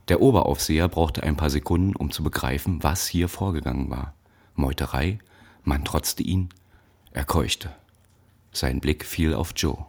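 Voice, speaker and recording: Man reading an audiobook, super deep bass voice, steady and measured. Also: husky. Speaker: narrator. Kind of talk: scripted audiobook narration.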